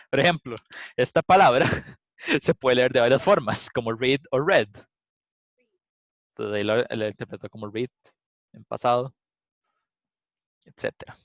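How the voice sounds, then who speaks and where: A man's voice: medium pitch, normal speed, long pauses. A man lectures in a loose, conversational way, walking students through a demo and stopping often with an "eh" to gather his thoughts. His voice sits in an ordinary middle register. The recording is dry, with no room echo. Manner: casual, explanatory, thinks aloud with filler "eh". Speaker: instructor.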